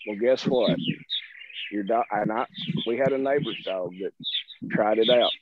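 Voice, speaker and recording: Low-ish and unhurried, the voice belongs to a middle-aged man with a Southern American drawl, casually chatting as a guest presenter over video call. He's folksy and self-deprecating; the sound is muffled, carrying a faint hiss.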